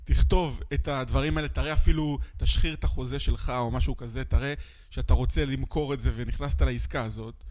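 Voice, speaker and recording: A man's voice: mid-range voice, fairly even intonation, a little mellow. A man with an Israeli accent hosting a casual interview, summing up and probing with practical objections. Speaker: podcast host.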